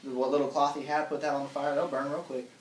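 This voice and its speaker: A man's voice: on the high side, little pitch movement, fast, lightly acted. A man with a Southern accent playing a laid-back interviewee who rambles and repeats himself, recorded far off in an echoey room with noise. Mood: relaxed.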